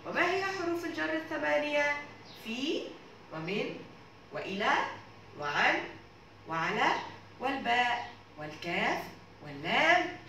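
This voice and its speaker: A woman's voice: high voice, sing-song, unhurried, pauses often. A woman from Egypt, a primary school teacher, reading a story and explaining words and grammar to young children in a didactic manner. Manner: warm didactic tone, addresses the children as dear ones. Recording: echoey room, distant mic, background noise.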